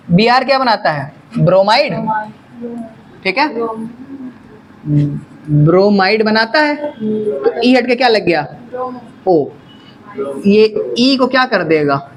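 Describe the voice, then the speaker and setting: A man's voice: sits high, very animated, takes it slowly, long pauses, slight background noise. Man teaching chemistry to a class. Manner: quizzing students, answering own questions. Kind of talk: classroom lecture.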